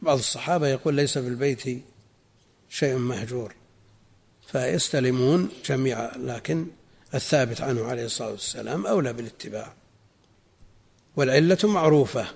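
Gravelly scholar teaching in a reverberant hall. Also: male voice, medium pitch, a little mellow. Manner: measured, explanatory, repeats phrases for emphasis. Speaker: Islamic scholar teaching a text. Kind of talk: religious lesson explaining a text.

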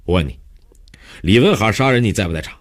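A man voicing a stern middle-aged police captain in an audiobook, scolding and padding his talk with drawn-out fillers. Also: extremely low pitch, expressive, full character voice. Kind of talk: audiobook character voice.

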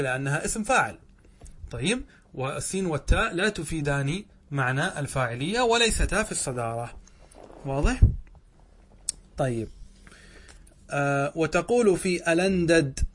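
A man teaching Arabic grammar in a lesson, asking his own questions and answering them, often drawing out words as he explains. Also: a little high. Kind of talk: classroom lesson.

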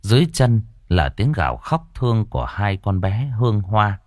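A male horror narrator with a low voice tells a ghost story dramatically, swinging his pitch up and down with each turn. The recording is dry and close, with no room sound at all. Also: big pitch swings, moderate pace, no room sound.

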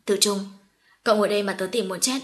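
A woman's voice: mid-range voice, fairly even intonation, roomy sound, close to an everyday voice. A woman reading the lines of an anxious young man hurrying to fetch his friend for his sister. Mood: breathless hurry. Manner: breathless, hurried. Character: anxious young man, worried older brother.

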